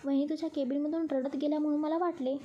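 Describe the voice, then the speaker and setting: A patient young man in a storybook who talks sense into his friend, voiced by a woman. His lines come out steady and reasoning in a high, warm-toned voice with faint hiss. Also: fast talker, lo-fi sound, close to an everyday voice. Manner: reasoning, advising gently.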